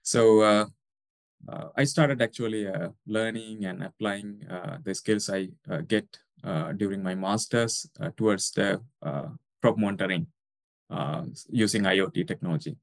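A man's voice: fairly low pitch, normal speed, no room sound. A young man from Sri Lanka, a researcher answering interview questions with many hesitant fillers. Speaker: guest researcher.

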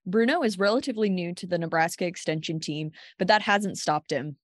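Woman co-host, lowish voice, dry podcast sound. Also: a little fast, no room sound. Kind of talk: podcast interview.

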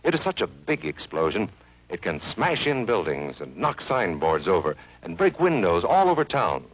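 An American man narrating a grave civil defense film from the 1950s in a measured, instructive way, as if addressing children. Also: sits low, wildly swooping pitch. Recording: dull vintage film soundtrack.

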